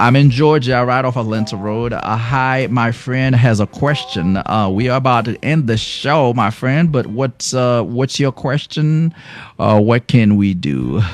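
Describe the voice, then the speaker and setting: A man with a French accent hosting a live health education show from a clinic, closing out with effusive, repeated thanks to his viewers. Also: fairly low pitch. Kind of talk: live-stream sign-off.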